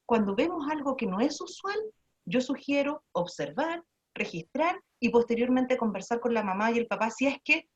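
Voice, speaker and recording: A woman speaks in a fairly high voice, giving an online lecture on early childhood learning. She keeps asking rhetorical questions and restarting her sentences as she explains. The sound is dull and lo-fi, typical of a video call.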